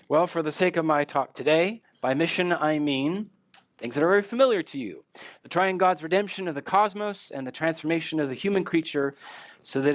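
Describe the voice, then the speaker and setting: A man speaking at a conference, giving a lecture with relaxed, self-deprecating humor. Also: fairly high pitch, no echo. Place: conference hall.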